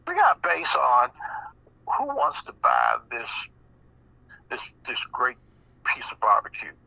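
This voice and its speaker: A man with an American accent talking casually on a radio show, animated and often repeating words as he restarts. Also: mid-range voice, slow, gravelly, no room sound. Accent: American English. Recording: muffled radio broadcast.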